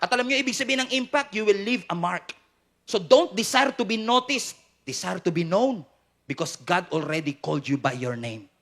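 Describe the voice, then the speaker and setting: A man's voice: sits high, animated, normal speed, a bit bright. A man with a Filipino accent preaching a sermon as pastor, hammering repeated refrains, firing questions at the congregation and joking with them. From Philippines. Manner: playful, jokes with the crowd.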